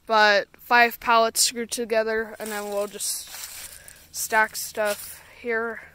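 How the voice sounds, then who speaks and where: A woman's voice: fairly high pitch, takes it slowly, a little hiss or hum. A woman narrating a casual farm vlog outdoors, explaining her projects as she works, recorded on a handheld phone. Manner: relaxed, explains while working. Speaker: vlogger.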